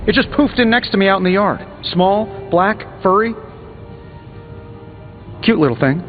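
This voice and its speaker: Cocky, wisecracking American superhero over music. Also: male voice, high-pitched, expressive. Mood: wry, bantering. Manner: sarcastic, glib, quick-witted banter. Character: cocky, wisecracking male superhero inventor in armour. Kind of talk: video game dialogue acting. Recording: dull game audio with music behind.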